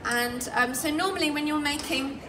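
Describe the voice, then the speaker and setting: Filmed from the crowd by a distant camera, her voice comes through a PA with outdoor noise around it. She's an English woman and nutritionist demonstrating cooking live at a festival stall outdoors. Her high voice moves at normal speed, chatty and explanatory, with many ums and restarts.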